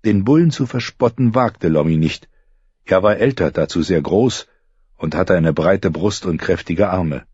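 Male narrator, low and husky, expressive storytelling, slightly dull recording. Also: a little slow, no echo. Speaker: audiobook narrator. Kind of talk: scripted narration.

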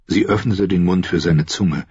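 A man reading an audiobook aloud as narrator, calm and even. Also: deep voice, moderate pace, slightly rough, dry recording. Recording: dry, dull close recording.

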